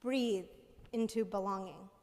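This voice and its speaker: A woman minister preaching a sermon into a pulpit microphone in a church sanctuary, measured and conversational, often asking the congregation "right?". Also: medium pitch, a little mellow. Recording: long reverb of a church hall.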